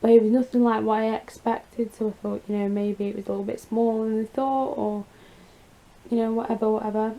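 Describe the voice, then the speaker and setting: A woman with a croaky, creaky voice after surgery, chatting casually in a rambling, confiding personal vlog update. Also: fairly high pitch, steady tone, a little fast, hardly any pauses, mellow, poor audio. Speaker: vlogger.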